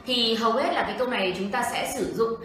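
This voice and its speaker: A woman's voice: fairly high pitch, quick pace, fairly bright tone, far from the mic, a little hiss or hum. A woman with a Vietnamese accent co-hosting a livestream English lesson, explaining phrases and asking the audience questions. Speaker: co-host and interpreter. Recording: echoey room, off-mic.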